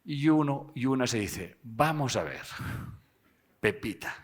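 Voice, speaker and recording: A man gives a live talk to an audience, animated and joking, often tagging his sentences with a questioning "eh?". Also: medium pitch, a little slow. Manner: animated, tags phrases with "¿eh?" and jokes with the audience. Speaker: speaker giving a seminar.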